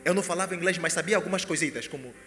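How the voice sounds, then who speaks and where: A man telling a personal testimony, animated and breaking into sudden loud exclamations. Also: a little high, racing. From Angola. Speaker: speaker giving a personal testimony. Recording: echoey hall with faint music.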